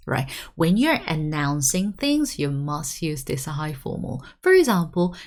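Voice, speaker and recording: A woman teaching a video language lesson in a chatty, animated way, often checking in with her listeners. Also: on the low side. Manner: animated, with swoops up for emphasis.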